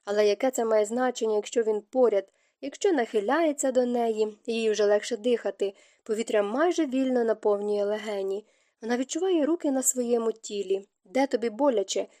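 A woman's voice: fairly high pitch, warm tone, no echo, clean studio sound. Woman narrating a romance novel. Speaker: audiobook narrator. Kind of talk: scripted narration.

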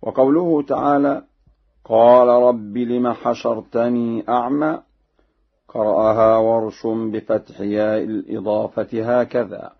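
A man teaching Quran recitation variants in a measured, formal way, breaking into melodic chanting for each example, on a dull lo-fi radio broadcast. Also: mid-range voice, fairly even intonation, creaky.

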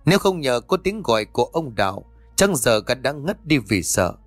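A man narrating a horror audiobook at a steady storytelling pace. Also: medium pitch, moderate pace, no echo, faint music behind. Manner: steady storytelling, voices each character.

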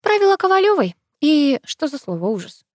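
A woman's voice: high-pitched, big pitch swings, brisk, a little mellow, no echo, studio quality, pitched above the performer's own voice. Woman doing a cocky, drawling teen boy. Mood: teasing. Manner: lazy, drawling, teasing.

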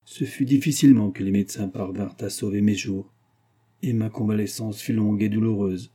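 A man voicing a ruined, desperate old gambler who pleads and then confesses gravely, in an audiobook reading. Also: lowish voice, steady tone, brisk, mellow.

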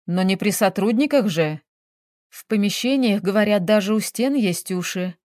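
A woman's voice: medium pitch, moderate pace, darkish tone, dry recording, clean studio sound, natural voice. Woman voicing a flustered businessman. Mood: defensive. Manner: agitated, blustering, whining. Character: flustered middle-aged male businessman.

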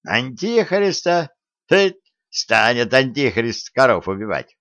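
A man voicing a grumpy, stubborn old grandfather who scolds and shouts threats, in an audiobook. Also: mid-range voice, very animated, slow pace, no room sound, exaggerated voice. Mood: scolding. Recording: dry, slightly dull audiobook recording.

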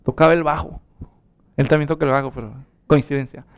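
High-voiced man preaching. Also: steady tone, fairly quick, clean tone. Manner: earnest preaching, acts out quoted dialogue. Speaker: pastor. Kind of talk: sermon.

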